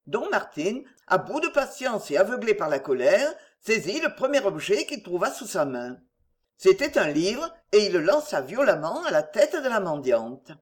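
A woman narrating a novel as an audiobook, with expressive storytelling. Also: medium pitch, normal speed.

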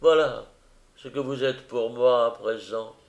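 A man voicing a drunk, overwrought middle-aged man who pleads and mocks in a high, loud, swooping voice. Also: measured pace, gravelly, muffled recording. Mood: agitated.

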